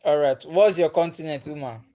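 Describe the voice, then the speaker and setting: On the high side and dark in tone, this man talks briskly while hosting a livestream. He goes through comments in casual conversation, patiently repeating himself and chuckling often. His native language is Igbo.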